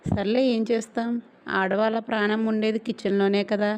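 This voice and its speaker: A woman's voice: medium pitch, level tone, moderate pace, a little mellow, clear, resonant tone, lightly acted. A teasing young man, as a woman reads him. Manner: joking, teasing. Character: teasing playful young man, cheerful brother.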